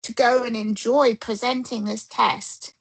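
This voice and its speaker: Middle-aged woman guest, fairly high voice with gravel and breath in it, animated storyteller. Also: a little slow, rough recording. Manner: animated, acts out quoted dialogue. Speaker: dressage rider and coach, guest. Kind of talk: casual storytelling interview.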